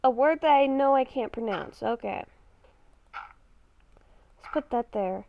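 In a dry recording on a dull, lo-fi mic, a woman speaks slowly in a slightly high, expressive, creaky voice. As a gamer playing a roleplay character, she improvises narration in character, thinking aloud and repeating phrases.

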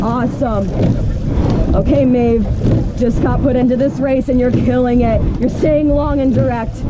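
A young woman with a high voice calls a rowing race as coxswain. She urges the crew on with commanding, repeated short calls and rhythmic counts. Very loud wind and water noise surrounds her out on the river. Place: outdoors in a rowing shell on a river. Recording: very noisy wind and water, boat-mounted mic. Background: wind, water and boat noise.

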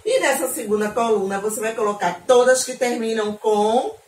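A young woman with a Brazilian accent, a primary school teacher explaining homework to children in a patient, slow way, repeating and spelling things out. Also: fairly high pitch, a little mellow. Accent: Brazilian Portuguese. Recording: echoey room, voice from a distance, faint noise.

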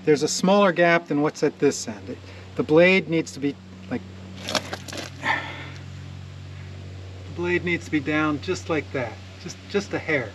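With a fairly high voice, a measured pace and frequent pauses, a forties-aged sawmill owner walks through a repair as he works beside the mill in a wooded yard. He's talkative and quick to laugh, and outdoor background noise is clearly present.

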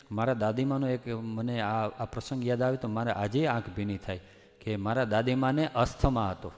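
A man from Gujarat giving an earnest devotional discourse, pleading with listeners and rising to emphatic warnings. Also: medium pitch. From Gujarat, India. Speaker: religious speaker. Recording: long hall reverb.

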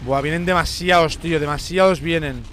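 A man with a Spain Spanish accent giving excited, repetitive gameplay commentary as a streamer. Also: a little high, brisk, a little hiss or hum. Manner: excitable, repeats himself, exclaims a lot.

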